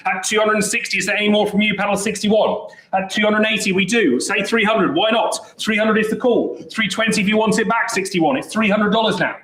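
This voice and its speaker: High-voiced auctioneer calling bids. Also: male voice, a bit bright, echoey room, poor audio. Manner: brisk, chatty bid-calling with jokes. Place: auction saleroom.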